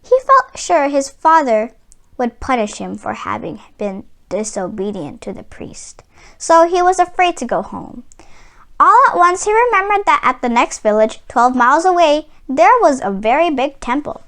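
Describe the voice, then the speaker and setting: Reading from a script like a storyteller, a woman performs a children's storybook in a very high voice. Each phrase brings vivid, wide shifts in pitch, and her delivery stays deliberate and full of expression.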